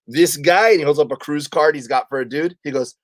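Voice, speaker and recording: A man's voice: on the high side, fast, no room sound. A man, a comedian guest, telling a story in a casual interview and acting out the quotes of the people in it.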